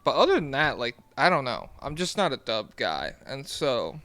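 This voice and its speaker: A man's voice: mid-range voice, very animated, moderate pace, sharp tone, dry recording. A man co-hosting a podcast, chatting casually and animatedly, laughing and swearing now and then. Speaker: podcast co-host. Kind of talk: casual chat.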